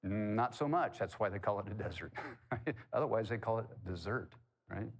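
A man's voice: on the low side, animated, normal speed, breathy edge. A man preaching a sermon in a conversational way, asking the congregation questions and tossing in corny jokes. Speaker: pastor.

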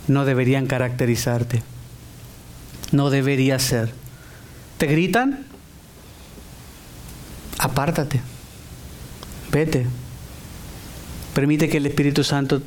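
A middle-aged man preaching a sermon in an animated way, acting out the voices he quotes. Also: medium pitch, slight background noise.

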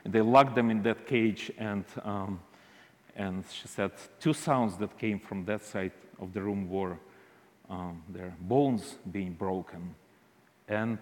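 A man with an Eastern European accent giving a halting, deliberate church testimony as a visiting minister. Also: lowish voice. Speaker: visiting minister speaking to a congregation. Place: large indoor church hall. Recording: reverberant hall.

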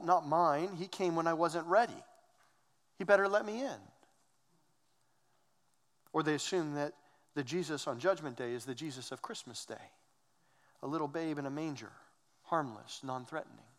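A man's voice: on the high side, in a large hall. A man preaching a sermon, earnest and emphatic, asking rhetorical questions. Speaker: pastor.

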